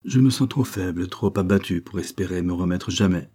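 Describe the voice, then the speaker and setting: A man with a husky voice voicing a frail, grieving woman governess who speaks wearily, sometimes near a whisper. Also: deep voice, a little fast, mellow. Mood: sorrowful. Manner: weary, sad, sometimes whispered. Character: sorrowful frail woman governess hiding her past.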